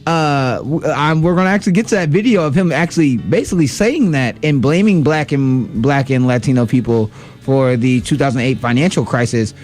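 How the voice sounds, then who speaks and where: A man co-hosting a political radio talk show, animated and exclamatory, with frequent interjections. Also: medium pitch, a little fast, soft background music. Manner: animated, exclaims often, says dog.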